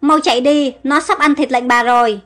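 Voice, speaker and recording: A woman's voice: sits high, fairly even intonation, normal speed, lightly acted. Woman voicing a jumpy young handmaid. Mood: alarmed.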